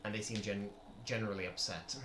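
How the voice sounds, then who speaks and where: A man acting as game master, improvising tabletop game narration in a halting way, rephrasing as he goes. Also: fairly low pitch, fairly even intonation. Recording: roomy echo, faint noise.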